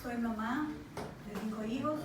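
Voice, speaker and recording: Slow-talking woman in her forties. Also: fairly high pitch. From Ecuador. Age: 40s. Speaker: invited participant. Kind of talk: casual self-introduction. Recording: very echoey room, mic far off, noisy.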